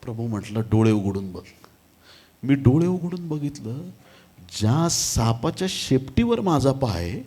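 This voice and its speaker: A man preaching a sermon as pastor, moving from quiet storytelling to loud, shouted praise and calls of hallelujah. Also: mid-range voice, very animated, unhurried, slightly rough.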